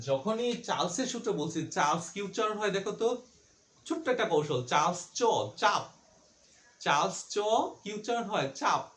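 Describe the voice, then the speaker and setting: A male teacher lectures on physics with a fairly high voice. He keeps asking questions and answering them himself, repeating each point so it sticks. The sound is roomy, with a clear echo. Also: a bit bright. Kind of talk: classroom lecture. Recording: echoey room.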